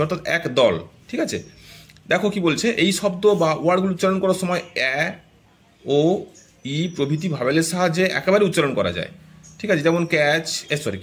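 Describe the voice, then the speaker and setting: Man teaching grammar, native Bengali speaker, quick delivery, fairly high voice, step-by-step explanations. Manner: explains step by step, often checks "all right?". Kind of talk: classroom grammar lesson.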